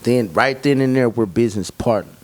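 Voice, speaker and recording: A man's voice: mid-range voice, brisk. A man in casual conversation, often hesitating and searching for his words.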